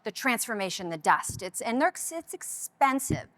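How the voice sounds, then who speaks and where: A woman's voice: on the high side, big pitch swings, normal speed, fairly bright tone, no echo. A woman in her thirties, a guest upcycling designer, talking enthusiastically in a panel interview with frequent restarts.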